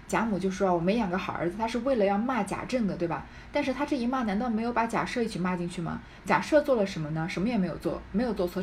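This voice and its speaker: Woman reader-commentator, mid pitch, explanatory asides, faint background noise. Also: darkish tone. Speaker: reader and commentator on a classic novel. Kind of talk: reading aloud with literary commentary.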